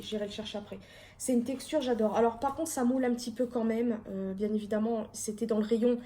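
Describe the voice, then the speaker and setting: Chatty young woman, mellow voice. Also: on the high side, a little hiss or hum. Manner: chatty, rambling, self-deprecating. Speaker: vlogger. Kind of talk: casual haul video.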